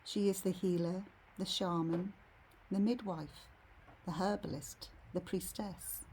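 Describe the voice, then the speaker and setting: A woman leading a guided meditation in a serene, soothing, soft and slightly husky voice. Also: lowish voice, fairly even intonation, a little hiss or hum, rough recording. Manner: serene, unhurried, soothing delivery.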